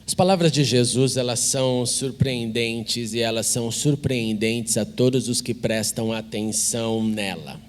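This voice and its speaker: Slow, solemn Brazilian pastor, a man. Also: mid-range voice, steady tone. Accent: Brazilian Portuguese. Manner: slow, measured, solemn delivery. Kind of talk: sermon with scripture reading and prayer.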